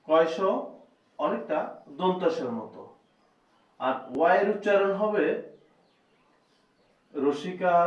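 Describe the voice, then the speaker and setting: A man teaching a slow spoken lesson and repeating each point several times. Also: on the high side. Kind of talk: spoken lesson on reading letters. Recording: echoey, distant, dull lo-fi room sound.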